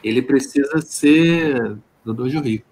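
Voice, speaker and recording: A man's voice: mid-range voice, takes it slowly, darkish tone. A man casually explaining setup problems to fellow programmers on a video call, hesitating and restarting often. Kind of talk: casual online meeting chat. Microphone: home computer mic on video call.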